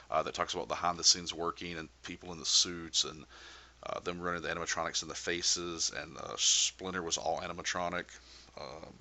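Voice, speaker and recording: Low-voiced easygoing man showing his collection. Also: vocal fry, sharp tone. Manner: easygoing and enthusiastic, with frequent "uh" and "um" fillers. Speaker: VHS collector vlogger. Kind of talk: casual show-and-tell chat.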